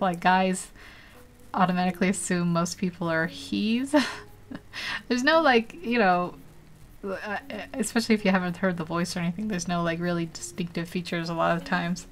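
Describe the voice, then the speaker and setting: A woman chatting casually while she paints live on a tablet, laughing often and rambling with lots of fillers. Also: mid-range voice. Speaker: digital painting livestreamer.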